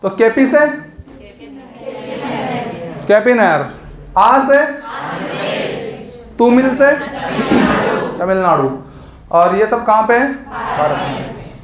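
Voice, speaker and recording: A man's voice: high voice, expressive, extremely slow, pauses often, background noise. A man teaching an exam coaching lesson, explaining memory tricks and asking the class questions that he answers himself. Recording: echoey room.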